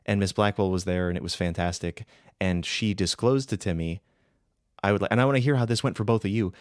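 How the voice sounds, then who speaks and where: Lowish dry-voiced chatty man. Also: a little fast, clean tone, dry recording. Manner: enthusiastic, chatty. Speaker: podcast co-host and role-player. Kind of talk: casual podcast chat.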